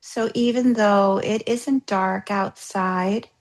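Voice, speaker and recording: Guiding a yoga nidra session, a woman yoga therapist speaks gently, calmly and without hurry, leaving pauses. Her medium-pitched voice keeps a fairly even intonation.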